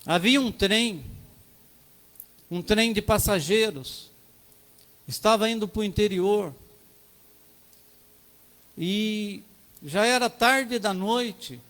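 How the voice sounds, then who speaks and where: A man's voice: sits high, slow pace, long pauses, a bit bright, low-quality recording. A man with a Brazilian Portuguese accent preaching a sermon at a church service, telling a story and speaking to the congregation as brothers.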